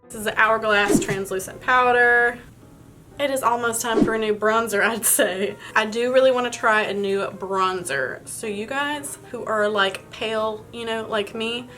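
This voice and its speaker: A woman's voice: a little high, unhurried, pushed and bright, soft background music, rough recording. A young woman vlogger chatting candidly as she does her makeup, telling a wild story and swearing freely. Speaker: beauty vlogger. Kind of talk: casual makeup tutorial with storytelling.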